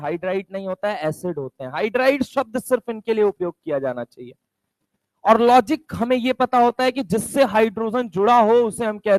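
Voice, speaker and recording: A man's voice: high voice, no room sound. Guy teaching chem in a mix, asks stuff then answers it, says over and over, dry close sound. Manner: asks and answers his own questions, repeats key terms; calls listeners "my brother". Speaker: chemistry teacher. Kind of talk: classroom lecture.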